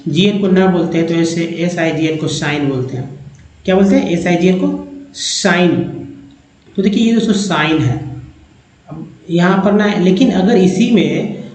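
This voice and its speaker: A man teaching English reading, going through a slide part by part, slowly repeating each sound and word and calling his viewers friends. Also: sits high, darkish tone, slight background noise. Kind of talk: slide-based phonics lesson. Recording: echoey dull-sounding room recording.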